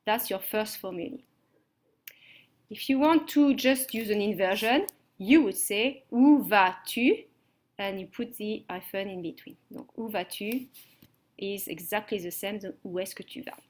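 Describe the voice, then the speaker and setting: A woman with a medium-pitched, unhurried voice teaches a French language lesson from slides. She explains things step by step and checks understanding by asking "okay?".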